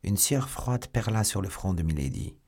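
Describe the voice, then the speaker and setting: A man narrates a classic novel for an audiobook. His voice is low and slightly husky. He reads in a steady, literary manner. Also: normal speed. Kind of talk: scripted narration.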